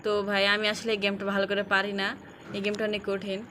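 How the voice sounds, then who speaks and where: A woman's voice: mid-range voice, completely flat delivery, fast, pushed and bright, slight background noise. A woman with a Bangladeshi accent giving casual, informal commentary as she plays a horror game for viewers. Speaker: gaming video host. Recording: music behind the voice. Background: eerie horror game music.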